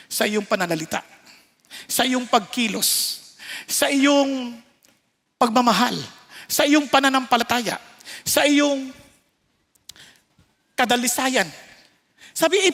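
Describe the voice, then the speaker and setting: Man, Filipino accent, pastor's sermon, high voice, very lively pitch, long hall reverb. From Philippines. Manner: emphatic preaching, often checks in with the audience.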